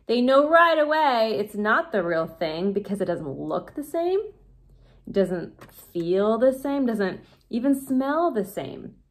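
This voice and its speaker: Playful woman leading a kids' lesson. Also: medium pitch. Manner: playful, explaining step by step to kids. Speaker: children's pastor. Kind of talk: children's church lesson with a craft.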